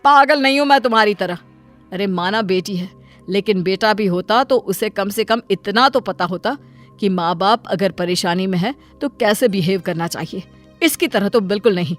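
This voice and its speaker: A woman voicing a stern, fed-up middle-aged father in a cartoon story, with soft music behind. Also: medium pitch, moderate pace, pitched below the performer's own voice, close to an everyday voice. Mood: bitter. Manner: scolding.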